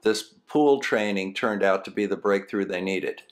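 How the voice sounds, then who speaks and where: Lowish-voiced man narrating. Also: moderate pace. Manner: explanatory. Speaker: science video host. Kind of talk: scripted documentary narration.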